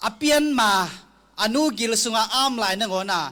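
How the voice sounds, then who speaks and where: A man preaching a sermon slowly and deliberately, sometimes closing a thought with an amen. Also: very high voice, bright, forceful tone. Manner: slow, deliberate preaching with frequent amens.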